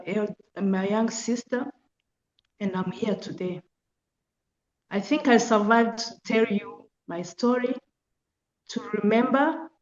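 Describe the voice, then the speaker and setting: With slow, measured, halting speech, a middle-aged Eastern Rwandan woman gives personal testimony in a university lecture room; she is a guest lecturer, a genocide survivor, and deputy director of a foundation. Her voice is mid-range and her phrasing deliberate. The room sound comes across echoey and muffled.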